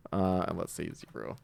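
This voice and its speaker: A man with a very deep, gravelly, darkish voice teaches a casual, improvised screen-share coding tutorial. As host and programming instructor, he thinks aloud with hesitant pauses, and the recording has no echo.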